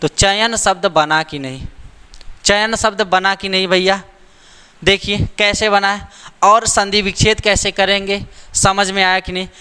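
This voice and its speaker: A man's voice: high-pitched, steady tone, unhurried, sharp tone, smooth, big-room sound. A man teaching a grammar lesson, repeating the rules and asking rhetorical questions to check that students follow. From India.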